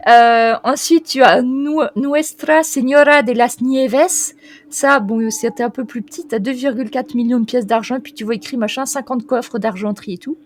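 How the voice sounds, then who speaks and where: A woman running a tabletop role-playing game as game master, reading out a long list with many pauses and fillers, stumbling over foreign names. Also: fairly high pitch. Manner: reads foreign names haltingly.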